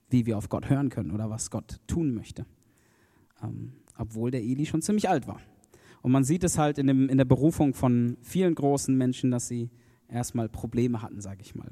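A man preaching in a relaxed, conversational way, reading a Bible passage and then talking about it with fillers and asides. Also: mid-range voice, long reverb tail. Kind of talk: casual sermon with Bible reading.

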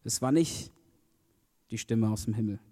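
Male preacher, mellow and relaxed, conversational sermon, hall reverb. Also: fairly low pitch, moderate pace. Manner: relaxed and conversational, with fillers and asides. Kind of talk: casual sermon with Bible reading.

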